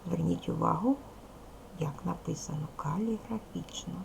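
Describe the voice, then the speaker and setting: Gravelly-voiced woman teaching young children. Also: lowish voice, normal speed, a little hiss or hum, low-quality recording. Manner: patient, addresses children with questions and praise; reads a poem aloud expressively. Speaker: primary school teacher. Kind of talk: recorded video lesson for children.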